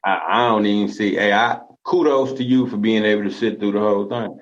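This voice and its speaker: A man co-hosting a casual podcast, bantering in a relaxed, slangy way and chuckling often. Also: fairly low pitch, fairly quick, dull audio. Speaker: podcast co-host. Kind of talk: casual chat.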